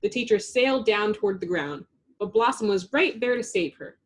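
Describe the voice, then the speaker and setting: Reading a children's storybook out loud, this woman uses an expressive narrator's style, her medium-pitched voice moving at an ordinary pace.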